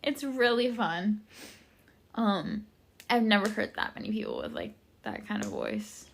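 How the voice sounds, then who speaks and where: A woman's voice: mid-range voice, huge pitch swings, a little slow, creaky, a little hiss or hum. Chatty young woman podcast host. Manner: rambling, chatty, heavy use of "like" and casual swearing. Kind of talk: casual solo podcast chat.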